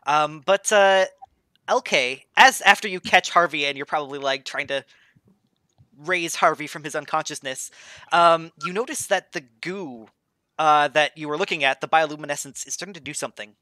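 Game master, male, halting easygoing narration, bright voice, dry sound. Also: on the high side, no room sound. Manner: hesitant, many ums.

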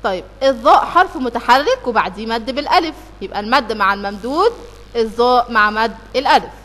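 A woman teacher with an Egyptian Arabic accent leads children through an exam review. She works step by step, asks questions and answers them herself, and recites verses slowly. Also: a little high, lively intonation, fairly bright tone, long reverb tail. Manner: recites verses in a slow, drawn-out way.

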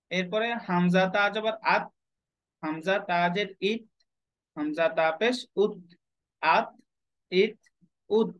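A man teaching an online Quran reading lesson, drilling letter sounds in slow repeated patterns and asking questions that he then answers himself. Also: high voice, fairly bright tone, highs cut off.

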